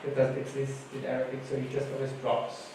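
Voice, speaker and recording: A man's voice: mid-range voice, monotone, a little fast, gravelly. Man telling stories in an echoing hall. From Germany. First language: German. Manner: informal, anecdotal storytelling. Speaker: conference panelist. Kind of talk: conference talk. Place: conference hall. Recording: echoey hall, distant mic, faint noise.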